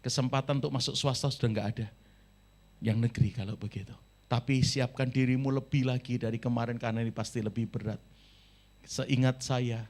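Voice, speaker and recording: A man preaching a sermon, telling a story with big swings between loud and soft and acting out the voices of the people in it. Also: medium pitch. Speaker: pastor. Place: church service.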